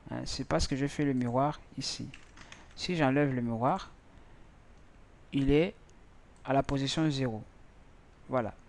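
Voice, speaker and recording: Slow, halting man teaching code. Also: mid-range voice, vocal fry. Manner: halting, repeats words, thinks aloud while typing. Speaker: programming teacher. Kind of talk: screen-recorded coding tutorial.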